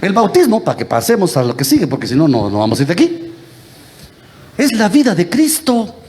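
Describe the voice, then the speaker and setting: A man's voice: high-pitched, huge pitch swings, fairly quick, a little mellow. A Guatemalan priest giving a homily, teasing his congregation and quizzing them with the same question again and again. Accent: Guatemalan Spanish. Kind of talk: lively interactive homily. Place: church.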